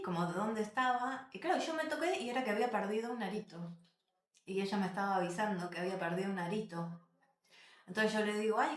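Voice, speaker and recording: A woman, telling travel stories to camera as a vlogger, animated and emphatic, repeating phrases and addressing viewers directly. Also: medium pitch. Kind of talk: casual storytelling to camera. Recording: roomy echo.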